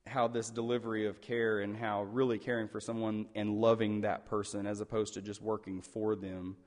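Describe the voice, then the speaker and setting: A man with a fairly low voice addresses a public gathering as its presenter. He talks off the cuff, hesitating and doubling back on his phrases. Long hall reverb surrounds his words. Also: level tone, normal speed, darkish tone. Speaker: presenter on elder care taking questions. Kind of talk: public talk, unscripted with some read-aloud passages.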